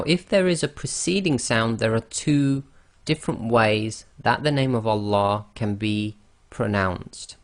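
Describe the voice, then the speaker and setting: Slow, gravelly-voiced male teacher. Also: mid-range voice. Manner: slow, careful explanations with frequent "okay" and "i e". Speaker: Quran recitation teacher. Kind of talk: slide-based online lesson.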